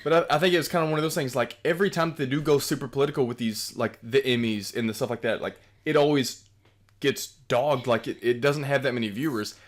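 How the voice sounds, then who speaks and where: A man's voice: mid-range voice, quick pace. Tipsy man giving casual reaction commentary. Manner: profane, rambling. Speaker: host of a reaction show. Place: small room indoors. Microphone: desk microphone.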